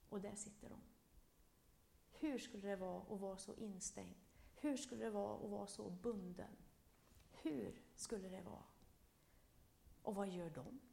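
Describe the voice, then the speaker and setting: A woman preaching a sermon, retelling a Bible story, swinging between loud emphasis and hushed whispers. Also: mid-range voice, gravelly. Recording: echoey room.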